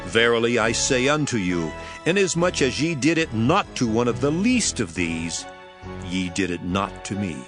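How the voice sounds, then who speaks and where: An actor playing Jesus as a grave, deliberate teacher and judge in a dramatized scripture reading. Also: male voice, mid-range voice, sing-song, close to an everyday voice. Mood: stern judgment. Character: Jesus, solemn adult male teacher and prophesying judge. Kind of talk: dramatized scripture reading, King James English. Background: prominent music.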